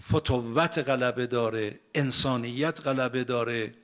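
A man giving a sermon, drawing out quoted verses slowly and then explaining them in everyday speech. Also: mid-range voice, fairly bright tone. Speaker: cleric giving a religious lesson. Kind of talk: Persian sermon with Arabic quotations.

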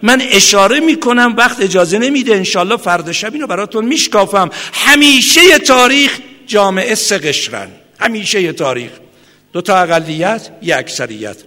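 A man's voice: high-pitched, lively intonation, bright, forceful tone. A man preaching a fervent sermon, reciting Arabic quotations in a chanting style and rising to impassioned calls. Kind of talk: Muharram sermon. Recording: echoey hall with long reverb.

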